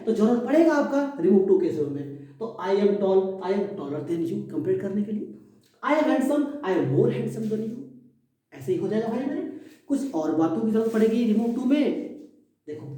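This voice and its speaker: A man's voice: high voice, warm tone. A man teaching a casual grammar lesson for board exams, chatty and friendly, calling his students brother and dropping playful rhymes. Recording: very echoey room.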